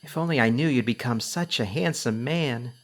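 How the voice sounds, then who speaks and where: A man's voice: mid-range voice, normal speed, natural voice. A man voicing a proud, brash female warrior from a game. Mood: bold.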